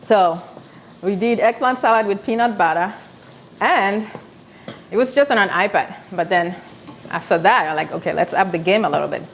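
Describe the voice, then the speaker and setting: A South Sudanese woman in her thirties, with the accent to match, hosts a live cooking show in her home kitchen, chatty and telling stories while she cooks. She speaks at medium pitch and a moderate pace; the low-quality recording, from a tripod camera at medium distance, has slight background noise.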